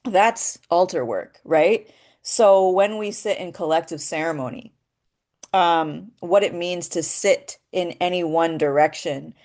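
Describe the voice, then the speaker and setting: In a lowish, darkish voice at a measured pace, a woman gives a relaxed voice-acting lesson. She works through her ideas one step at a time, explanatory and thoughtful, frequently saying "um" and checking in with "right?".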